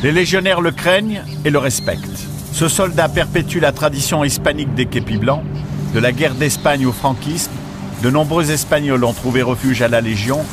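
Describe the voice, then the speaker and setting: A man's voice: on the high side, normal speed, music in the background. A man reading scripted documentary narration as a voice-over.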